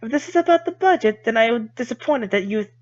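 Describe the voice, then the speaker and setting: A man's voice: very high voice, animated, fast, dull audio, pitched above the performer's own voice. A man voicing a polite, refined blind schoolgirl who speaks in a formal, composed manner. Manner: formal, composed, slightly stiff.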